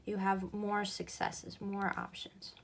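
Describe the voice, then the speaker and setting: A woman's voice: medium pitch, level tone, takes it slowly, creaky, slight background noise. A woman teaching a recorded math lesson, explaining patiently and going back over each key point.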